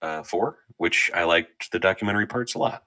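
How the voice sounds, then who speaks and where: Co-host, male, lowish pitch, bright sharp tone, easygoing. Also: a little fast. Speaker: podcast co-host. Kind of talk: casual group chat.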